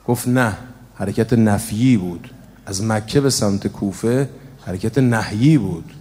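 A man giving a religious sermon, telling a story in a soft, then emphatic way to a gathering. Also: lowish voice. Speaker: preacher. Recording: long hall reverb.

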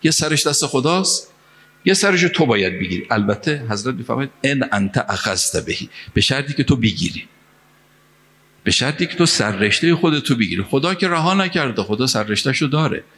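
A man's voice: medium pitch, very animated, a bit bright. A man from Mashhad preaching a sermon, telling a story and reciting Arabic phrases and verse, rising to emphatic peaks. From Mashhad, Iran.

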